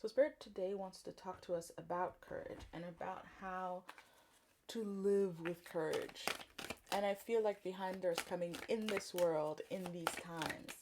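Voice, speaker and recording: A woman from Congo giving a spiritual tarot card reading in a gentle, thoughtful way, often pausing with fillers. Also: fairly low pitch, a little hiss or hum. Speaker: tarot reader.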